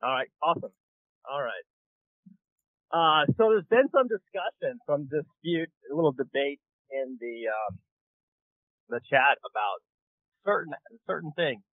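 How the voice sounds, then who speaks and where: A man's voice: a little high, animated, unhurried, pauses often, dry recording. A man calling in to a radio show on his phone's speaker while driving, explaining his points earnestly and checking in with "okay?" as he goes. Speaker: caller. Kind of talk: call-in radio caller. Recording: tinny dry phone line.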